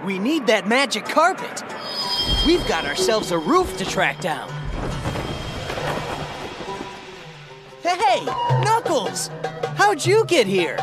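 A man's voice: very high voice, wildly swooping pitch, measured pace, full character voice. A man voicing a cocky, breezy teenage hedgehog hero with a casual, wry delivery in a video game. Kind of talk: video game cutscene acting. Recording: music under the voice.

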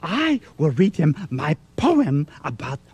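A man's voice: a little high, wildly swooping pitch, slow, slightly rough, exaggerated voice. A man voicing a furry, eager, fussy male monster who talks in a theatrical, overly formal way, for a children's TV show. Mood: excited. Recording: children's TV with music underneath.

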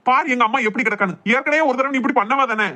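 A woman with a Kanyakumari Tamil accent playing a sleepy young husband who hesitates and tries to smooth things over in a comedy skit. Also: high voice, racing, pushed and bright. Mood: placating. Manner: hesitant, placating.

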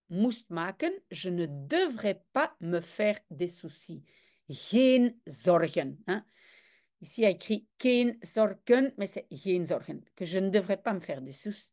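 With a medium-pitched, slightly mellow voice, a reader and language teacher leads a relaxed reading lesson. Hesitating often, she works through a comic, translating it aloud in a chatty, explanatory way.

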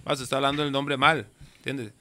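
A man with a Costa Rican accent, a guest artist telling stories in a relaxed, slangy way in a casual interview. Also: mid-range voice, fast, no echo. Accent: Costa Rican Spanish. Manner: laid-back storyteller, slangy, trails off.

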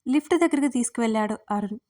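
Woman narrating an audio story, slightly high voice. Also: expressive, rapid-fire, mellow. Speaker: writer and narrator.

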